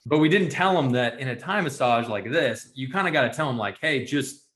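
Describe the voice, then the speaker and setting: A man's voice: medium pitch, lively intonation, brisk, fairly bright tone. Guy hosting a podcast, chatty storyteller, lots of like and you know, echoey room. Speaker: podcast host. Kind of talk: casual conversational storytelling.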